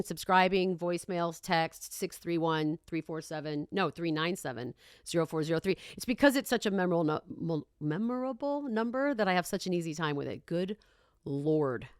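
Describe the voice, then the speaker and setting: A woman's voice: fairly low pitch, clear, resonant tone, no echo. A female podcast host in casual conversation. She is wry and pokes fun at herself, recorded dry with no room sound. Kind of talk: casual chat.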